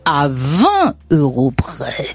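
Lively, playful woman hosting a radio game. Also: low voice, drawn-out words, husky, no room sound, faint music behind. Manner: playful, teasing, chatty. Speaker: radio game show host.

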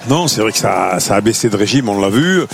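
A man giving live football analysis on radio, animated and full of fillers and restarts. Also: on the low side, brisk, gravelly, a little hiss or hum. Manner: animated, many fillers and restarts, enthusiastic about the game. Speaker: football consultant.

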